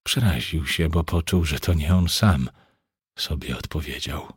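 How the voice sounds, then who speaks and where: A man reading an audiobook, narrating in a measured, dramatic storytelling manner. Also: a bass voice, slightly rough, no echo, studio quality.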